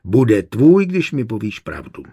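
A man voicing a kindly, playful grandfather in an audiobook, talking in a friendly, slightly husky voice. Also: fairly low pitch, big pitch swings, warm tone, heavily acted.

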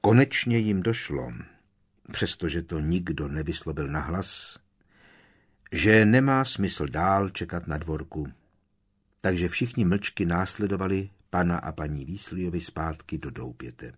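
Deep husky guy narrating a book, slow solemn reading. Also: lively intonation. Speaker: audiobook narrator. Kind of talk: scripted narration.

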